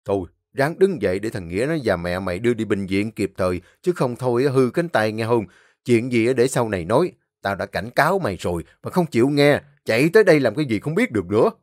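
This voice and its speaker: A man voicing a gruff, bossy older uncle with a Southern Vietnamese accent. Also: mid-range voice, big pitch swings, fast, no room sound, studio quality, natural voice. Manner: blunt, bossy.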